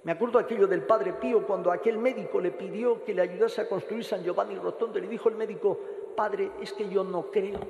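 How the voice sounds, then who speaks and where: A middle-aged male priest with a Castilian accent preaches and prays in a high, creaky voice. His direct address carries through a large cathedral with long, echoing reverb. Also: fairly even intonation, fairly quick, darkish tone, highs cut off. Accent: Castilian Spanish. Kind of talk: homily and liturgical prayer. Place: large stone church, indoors. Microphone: gooseneck lectern microphone.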